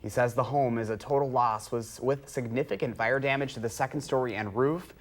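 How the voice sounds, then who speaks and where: A man's voice: medium pitch, fairly quick. A male morning news anchor reading stories and joking with co-hosts. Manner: punning, jokey in banter.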